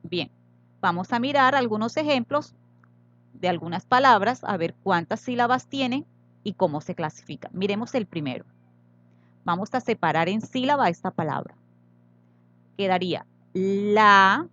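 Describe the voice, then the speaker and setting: A woman teacher explaining Spanish syllables and accents slowly and patiently in a recorded grammar tutorial. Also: mid-range voice, expressive, a bit bright, highs cut off.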